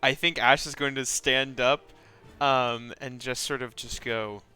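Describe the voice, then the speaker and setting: A man's voice: mid-range voice, fairly even intonation, unhurried, sharp tone, soft background music. A man playing a tabletop game, chatting casually as he describes what his character does.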